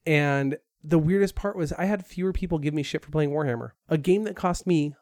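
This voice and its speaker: Animated man telling stories in casual chat. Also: fairly high pitch, a little fast, no echo, studio quality. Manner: animated storyteller who acts out quotes. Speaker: podcast co-host.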